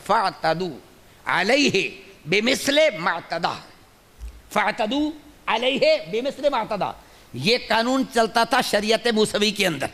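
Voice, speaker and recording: Male preacher, sermon, high voice, repeats key phrases for emphasis, recorded in a long reverberant hall. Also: a bit bright. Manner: asks the audience questions and answers them himself. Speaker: Islamic scholar and preacher.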